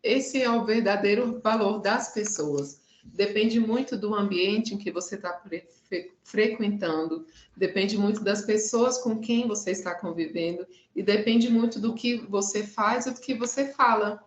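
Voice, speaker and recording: A woman with a Brazilian accent voicing a calm, wise father giving his son instructions in a told story. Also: medium pitch, measured pace, lightly acted. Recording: echoey room.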